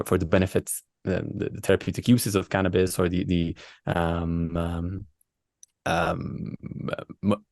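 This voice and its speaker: A man speaking as an interviewed doctor, explaining in a conversational way with halting, repetitive phrasing. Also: low-pitched, darkish tone, dry recording, clean studio sound. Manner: halting, hesitant phrasing with repeated words. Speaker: doctor and researcher being interviewed.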